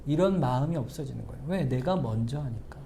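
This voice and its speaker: Animated middle-aged man preaching. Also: medium pitch, a little fast, creaky, slight background noise. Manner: speaks straight to the congregation; swings between loud emphatic lines and soft asides. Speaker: pastor. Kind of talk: sermon.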